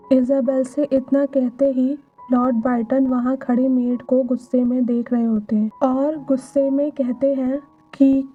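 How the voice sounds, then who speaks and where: A woman's voice: high-pitched, narrow, tinny audio. A woman steadily narrating a comic story in scripted narration.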